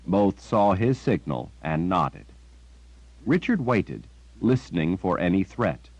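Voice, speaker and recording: A man reading a fantasy novel as audiobook narrator, in measured scripted narration. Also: low voice, sing-song, no echo, low-quality recording.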